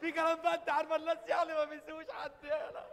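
A cheeky sailor full of wisecracks, with an Egyptian accent and a very high voice for a man. He rattles his lines off extremely fast in a stage comedy, echoing in a noisy theatre. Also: monotone, a crowd in the background. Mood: teasing. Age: young adult. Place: large indoor theatre stage.

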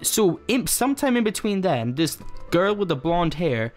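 An excitable man talks through a video game, giggling and exclaiming as he reacts. His voice sits fairly high and leaps all over the place, while faint game music plays underneath. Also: moderate pace. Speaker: let's play gamer. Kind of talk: excited let's play commentary.

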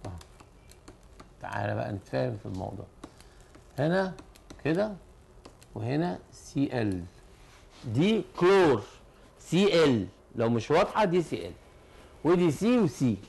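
A man's voice: medium pitch, big pitch swings, moderate pace, creaky, long pauses, darkish tone, breathy edge. A man with an Egyptian Arabic accent teaching chemistry, who explains step by step and asks and answers his own questions. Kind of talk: classroom lesson.

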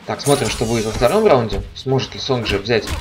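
A man's voice: mid-range voice, a little fast. A man giving live commentary on a fighting game stream, as a stream commentator. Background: game music and sound.

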